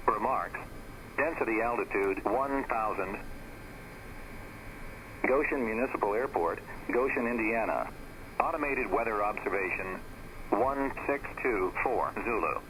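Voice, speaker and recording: A man's voice: on the low side, pushed and bright, rough recording. An automated man's voice reading scripted weather items in short phrases over aviation radio. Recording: radio transmission with faint noise.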